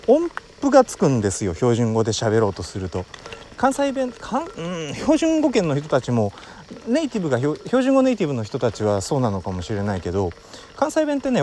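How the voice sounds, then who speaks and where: Man with a very lively pitch. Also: slight background noise. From Wakayama, Japan. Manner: explanatory, unhurried, thinks aloud. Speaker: podcast host. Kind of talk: casual solo talk. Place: at his family home.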